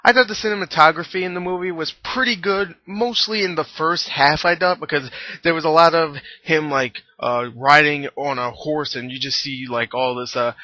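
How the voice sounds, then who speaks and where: Brief: male movie reviewer, a bit high voice, chatty and rambling, dull dry lo-fi sound. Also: normal speed, no echo. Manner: rambling, chuckling, many restarts. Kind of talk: casual spoken movie review.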